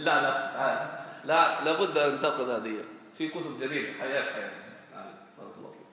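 A man teaching Arabic grammar to a class, lively and quizzing his students with questions. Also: mid-range voice, quick pace. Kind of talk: classroom lesson. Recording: echoey hall, recorded from far off.

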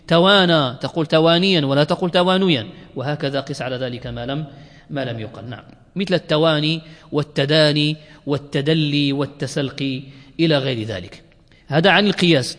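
A man's voice: a little high, fairly bright tone. A man teaching a class, explaining verses line by line, questioning his students and drilling examples. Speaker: teacher of Arabic morphology. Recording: long hall reverb.

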